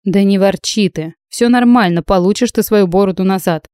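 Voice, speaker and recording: A woman's voice: medium pitch, moderate pace, a little mellow, smooth, no room sound, studio quality, close to an everyday voice. A woman reading a teasing male companion.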